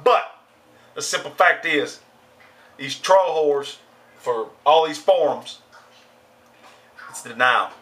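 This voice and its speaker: A man's voice: fairly high pitch, expressive, slow pace, long pauses, a bit bright. A man in his thirties ranting at home in a casual, profane gaming vlog. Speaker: gaming vlogger.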